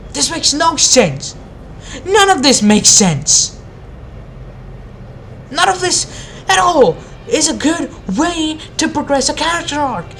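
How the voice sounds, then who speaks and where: A high-voiced woman who makes anime review videos delivers an informal, profanity-laced rant, blunt and sarcastic in tone. Music plays behind her voice, with slight background noise.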